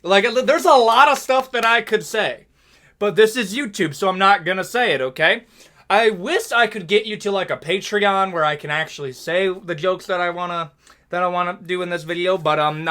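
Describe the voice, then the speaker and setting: Animated high-voiced male fight commentator. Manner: animated, joking, says "okay?" and "bro" often. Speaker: MMA commentary YouTuber. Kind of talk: casual fight recap commentary.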